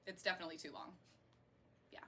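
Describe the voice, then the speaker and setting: Fast, pushed and bright, the voice belongs to a Florida woman in her thirties who sings and performs burlesque. In a casual interview she rambles chattily, and background noise can be clearly heard.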